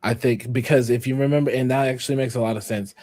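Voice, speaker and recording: Male podcast co-host, casual, quick reactive banter. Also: mid-range voice, fairly even intonation, darkish tone, dry recording. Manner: quick reactive interjections, joking. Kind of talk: casual recap chat.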